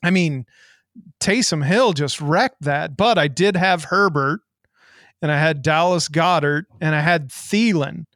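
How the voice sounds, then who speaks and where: Brash man hosting a sports podcast, higher-pitched voice. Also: unhurried, a bit bright, no room sound, clean studio sound. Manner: brash, boastful showman patter. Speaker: podcast host. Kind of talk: lively fantasy sports podcast banter.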